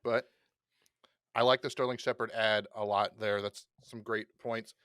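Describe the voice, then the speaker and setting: A man's voice: on the low side, level tone, measured pace, fairly bright tone, smooth, dry recording, clean studio sound. A man hosting a casual fantasy football podcast, loose and joking as he talks through players. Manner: loose, joking, wraps up the show. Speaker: podcast host.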